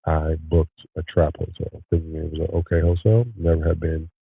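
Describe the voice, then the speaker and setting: A very deep-voiced man with a gravelly, husky edge, congested and nasal with a scratchy morning rasp. He talks candidly and rambles through stories in casual podcast chat. The sound is thin and tinny like a phone line, with a dry, close feel. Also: moderate pace, no room sound. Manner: candid, rambling, animated storyteller. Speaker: podcast host and content creator.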